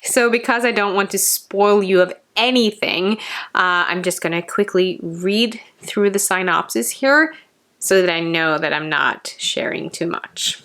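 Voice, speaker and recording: A woman hosting a casual book review vlog, chatty and excitable, speeding up when she gets excited. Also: medium pitch, a little slow.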